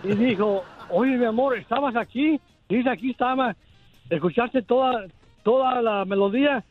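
A man calling in to a radio show to tell a joke, plain and unhurried. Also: very high-pitched, soft background music. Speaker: caller. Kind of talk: telling a joke on a call-in show. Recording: dull call-in audio.

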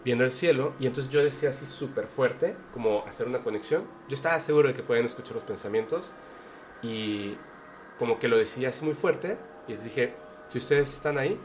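A man's voice: mid-range voice, fairly quick, slight background noise. A man with a Mexican Spanish accent telling a personal story on a podcast, earnest and hesitant with many fillers and restarts. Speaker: podcast guest. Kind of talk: casual storytelling.

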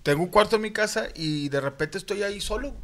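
A man's voice: sits high, brisk, background noise. A man in his forties with a Mexican accent, rambling through profane, self-mocking stories as a podcast host. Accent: Mexican Spanish. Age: 40s. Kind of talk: casual comedy chat.

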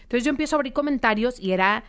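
A woman's voice: on the high side, racing, smooth. A young woman, a podcast guest telling her story and acting out quoted dialogue. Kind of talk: interview storytelling.

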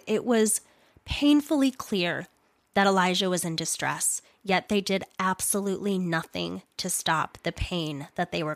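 A woman's voice: fairly low pitch, dry recording. A woman hosting a solo news commentary podcast, speaking bluntly and indignantly, with swearing and sarcastic asides. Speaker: podcast host.

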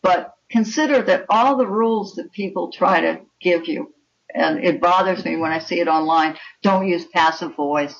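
An older woman, a guest writer and anthology editor, answers interview questions with emphatic opinions. Her voice is lowish with vocal fry at a normal pace, and the audio sounds slightly muffled and distant.

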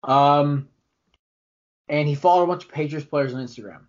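A young man co-hosting a sports podcast, giving rambling, animated opinions with frequent restarts. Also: a little high, normal speed. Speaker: podcast co-host. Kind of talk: casual sports chat. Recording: dull lo-fi podcast audio.

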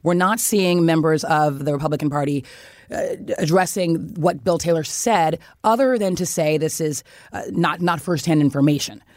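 A cable news anchor leads the segment, asking questions in a measured way with frequent filler words. The voice sits at a middle pitch and sounds dry and close. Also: dry recording.

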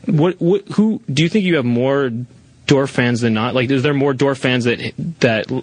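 Deadpan husky man interviewing. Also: mid-range voice, moderate pace, no echo. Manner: deadpan, probing, teasing questions. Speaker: podcast host. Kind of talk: casual podcast interview.

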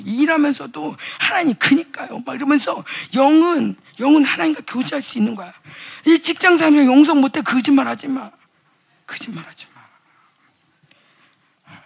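A woman's voice: sits high, vocal fry, a bit bright. A middle-aged woman preaching a casual, chatty sermon to young adults, acting out quoted voices and rising to fervent exhortation. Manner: acts out quoted voices and mutters asides. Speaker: pastor's wife preaching at a youth revival.

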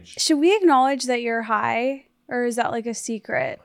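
A woman's voice: on the high side, normal speed, creaky, no room sound. A woman co-hosting a comedy podcast in casual chat, teasing and dry, and laughing often. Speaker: podcast co-host.

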